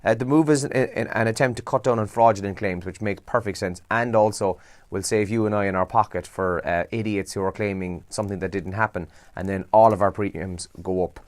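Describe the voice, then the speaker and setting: Irish guy from kerry doing the breakfast radio paper review, lowish voice, dry studio sound, chatty asides. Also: fairly quick, no room sound. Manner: chatty, relaxed, asides and rhetorical questions. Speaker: radio breakfast show host. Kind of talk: casual morning radio newspaper roundup.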